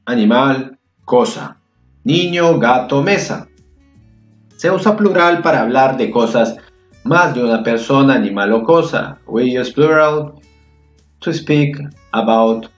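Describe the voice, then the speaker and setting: Slow, patient man teaching grammar. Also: mid-range voice. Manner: slow, drawn-out word examples, frequent praise and check-in questions. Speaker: Spanish teacher. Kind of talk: slow grammar lesson with spoken examples. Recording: roomy, dull lo-fi sound with faint guitar music.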